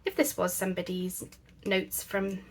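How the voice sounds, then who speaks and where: Casting note: woman, crafting host, relaxed rambling chat with a gravelly edge and faint background noise. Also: medium pitch, moderate pace. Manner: chatty, thinks aloud with many fillers.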